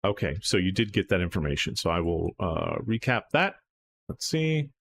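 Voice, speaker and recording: A man's voice: deep voice, very animated, moderate pace, vocal fry, fairly bright tone, slight background noise. A man acting as game master, recapping a tabletop horror game in a loose, rambling way full of fillers and restarts.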